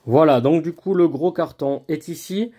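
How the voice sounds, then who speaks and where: A man's voice: fairly high pitch, normal speed, dark tone. A man hosting a board game channel, chatting casually through an unboxing with frequent fillers and restarts. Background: lawn mower and brush cutter nearby.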